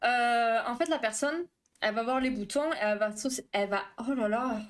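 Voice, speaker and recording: A woman therapist hosting a live stream, chatting casually with viewers, reading the chat aloud, talking fast and tripping over her words. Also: fairly high pitch.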